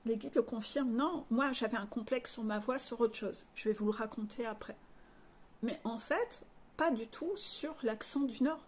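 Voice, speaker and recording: A woman's voice: on the high side, normal speed, breathy edge. A woman coach from northern France, speaking frankly and confidingly to her followers, with blunt slang mixed into her talk. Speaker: life coach. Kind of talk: candid personal monologue to followers.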